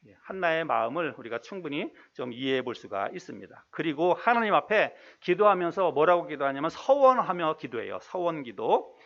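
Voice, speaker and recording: A male pastor preaching a sermon in a conversational way, asking the congregation questions and reading scripture slowly. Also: a little high, very animated, creaky, fairly bright tone, lo-fi sound. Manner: reads scripture slowly and deliberately.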